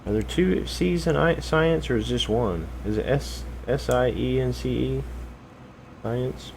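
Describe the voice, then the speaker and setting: A man's voice: mid-range voice, a little slow, creaky, darkish tone, slight background noise, low-quality recording. A young American man chatting casually on a live game stream, rambling and hesitant with many fillers and self-corrections. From United States.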